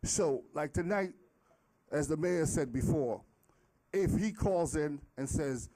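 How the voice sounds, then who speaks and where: A middle-aged man making an impromptu public comment as a resident, halting and repeating his words as he pleads. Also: on the high side, expressive, dark tone, poor audio. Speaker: resident and former city worker speaking at public comment.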